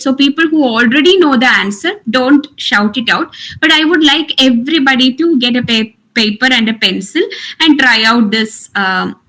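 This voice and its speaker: In a rough recording, a woman leads an online workshop in an interactive lecture style. Her voice is high and a bit bright, and she instructs carefully, restating her points for emphasis.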